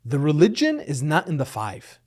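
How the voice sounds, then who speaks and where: A man's voice: a little high, wildly swooping pitch, normal speed, a little mellow. A middle-aged man, raised in Lebanon and the United States, speaking as a guest in a podcast interview. He explains his points earnestly and often checks in with "right?".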